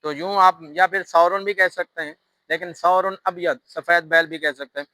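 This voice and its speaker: A man's voice: sits high, steady tone, bright, forceful tone, no room sound, rough recording. A man with a Pakistani Urdu accent teaching an Arabic lesson, patiently repeating each grammar rule step by step. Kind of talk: classroom lesson explaining grammar.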